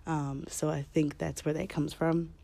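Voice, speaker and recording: A woman hosting a podcast in casual, rambling, candid talk, with a deep chesty voice that is a bit scratchy from a cold. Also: little pitch movement, moderate pace, vocal fry, dark tone, no room sound. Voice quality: slightly scratchy. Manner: candid, informal, swearing freely. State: fighting a cold. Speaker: podcast host.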